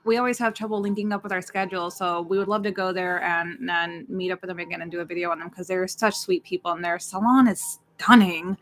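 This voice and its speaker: Speaking fast with few pauses, a woman in her late thirties keeps a steady tone in her lowish voice. She co-hosts a horror watch-party livestream, chatting casually and meanderingly and calling out the names of viewers.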